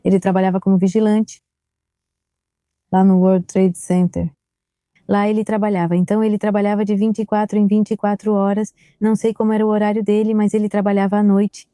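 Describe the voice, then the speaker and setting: A middle-aged woman tells her story as a mother, reliving old conversations by quoting what was said. Her voice is deep in tone and very dark, and it sits dry and close with no room around it. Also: little pitch movement, a little fast, smooth, no echo. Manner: recounts events quoting past dialogue. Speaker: mother of a victim. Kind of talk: personal testimony.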